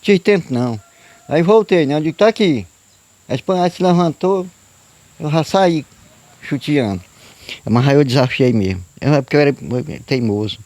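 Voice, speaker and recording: With a darkish voice on the high side, a male storyteller guest speaks at a normal speed, recorded with no room sound. He recounts a true story in a rambling, repetitive, folksy manner, often dropping in "né?" and "eu digo".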